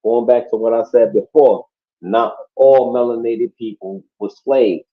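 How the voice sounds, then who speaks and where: Speaking a little slowly in a mid-range voice, a Puerto Rican man hosts a casual podcast full of emphasis and profanity. He often asks listeners "you know what I mean," and the sound quality is muffled and lo-fi.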